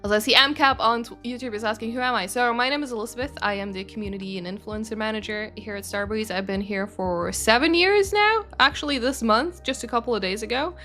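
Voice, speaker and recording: Soft music plays behind a young woman from Sweden whose high, sharp voice races along with hardly any pauses. She's a game studio's community manager on a livestream, reading viewer questions and answering them in a rambling, filler-heavy way with self-corrections.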